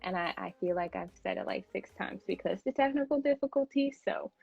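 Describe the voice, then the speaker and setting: A woman hosting a casual livestream interview, chatty and quick to laugh. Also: mid-range voice, lively intonation, creaky, breathy edge, faint music behind. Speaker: host. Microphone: phone livestream. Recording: dull lo-fi livestream audio.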